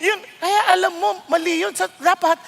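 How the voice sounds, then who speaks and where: A middle-aged male pastor preaching a lively sermon, laughing often and mixing English phrases into his talk. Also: very high voice, normal speed, vocal fry, long reverb tail, faint music behind.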